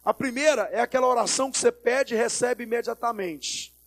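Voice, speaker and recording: A Brazilian pastor with a high-pitched male voice delivers a sermon. He tells a personal story, acts out the dialogue in it and calls out to the congregation as he preaches. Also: a little fast, vocal fry. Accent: Brazilian Portuguese.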